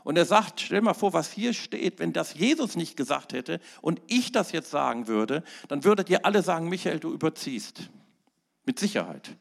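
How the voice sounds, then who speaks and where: A middle-aged male pastor preaching a sermon, swinging between emphatic loud peaks and quiet asides. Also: fairly high pitch, lively intonation, moderate pace, vocal fry, few pauses.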